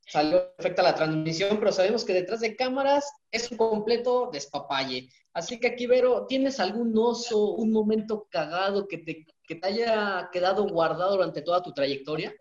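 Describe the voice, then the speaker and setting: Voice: medium pitch, expressive, moderate pace, hardly any pauses, darkish tone, echoey room, lo-fi sound. A podcast co-host playfully building up a question for the guest.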